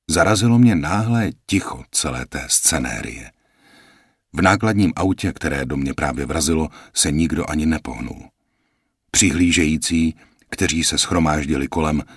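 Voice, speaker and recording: A man with a very deep, husky voice reads a first-person audiobook. He narrates calmly and reflectively at a measured pace. The sound is dry and close. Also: dry recording.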